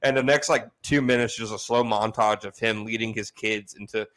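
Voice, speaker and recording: A man with a fairly low voice co-hosts a podcast in an easygoing chat. He retells funny scenes and often laughs along with them. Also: fairly even intonation, a little fast, fairly bright tone, rough recording. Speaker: podcast co-host. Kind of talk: casual chat.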